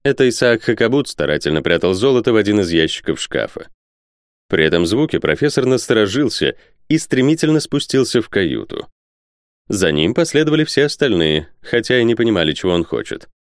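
A man reading an adventure novel aloud with expressive narration. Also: fairly low pitch, a little fast, clear, resonant tone, dry recording, clean studio sound. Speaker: audiobook reader. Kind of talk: scripted narration.

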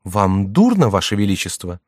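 A devoted young woman speaking softly and earnestly, as a male narrator reads her lines. The reading stays close to his own fairly low voice. The sound is dry and close. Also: big pitch swings, normal speed, no room sound. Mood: anxious. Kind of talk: audiobook character voice.

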